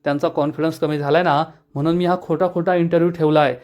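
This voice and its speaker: A man's voice: on the high side, little pitch movement, fast talker, darkish tone, lightly acted. A man reading the lines of a cheeky, joking young man in a retold story. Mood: joking, breezy. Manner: playful, reassuring.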